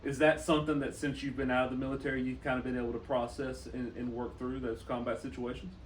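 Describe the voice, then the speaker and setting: A man interviewing someone, asking gentle, conversational questions. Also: mid-range voice, level tone, fast. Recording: roomy echo, distant mic, faint noise.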